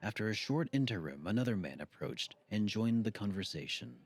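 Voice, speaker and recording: Man narrating an audiobook in a low voice. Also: very animated, fairly quick, breathy edge. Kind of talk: scripted narration.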